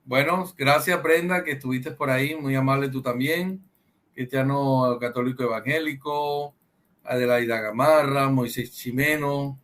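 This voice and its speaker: A man's voice: mid-range voice, steady tone, a little slow, fairly bright tone. A man hosting an online program, courteous and formal as he thanks his guest and greets the viewers. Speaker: host.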